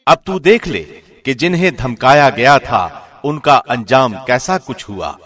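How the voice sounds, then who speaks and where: A male radio host reads translated scripture in a formal, measured delivery. His mid-range voice is a bit bright with lively intonation, and it trails off into a long reverberant tail.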